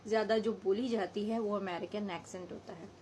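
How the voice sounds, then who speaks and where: A woman's voice: medium pitch, fairly even intonation, a little fast, a little mellow, a little hiss or hum, poor audio. A woman from Hazara in Pakistan with a local accent, giving a chatty spoken English lesson and mixing English phrases into her explanations. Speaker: English teacher.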